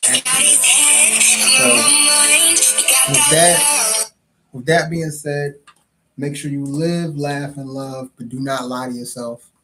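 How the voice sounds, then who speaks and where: Rambling, joking male livestream host. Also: mid-range voice. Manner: loose, rambling, jokey, swears freely. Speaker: podcast host and comedian. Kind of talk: casual livestream chat.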